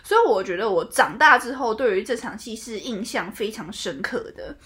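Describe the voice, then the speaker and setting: A young woman in casual chat, animated and laughing as she rants about old drama scenes. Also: mid-range voice, moderate pace. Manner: animated, swears and laughs while ranting. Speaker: co-host.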